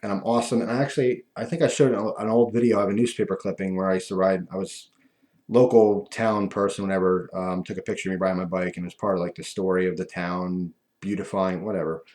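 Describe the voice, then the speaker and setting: A man talking casually and ramblingly to viewers, with a lispy voice from missing front teeth that softens his F and V sounds. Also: deep voice, fairly even intonation, quick pace. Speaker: video host.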